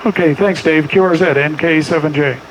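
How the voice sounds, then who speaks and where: Speaking briskly in a steady, fairly high voice, a middle-aged man rattles off clipped amateur radio contest exchanges and phonetic spellings. The setting is a small indoor home radio room, with clear background noise on the recording.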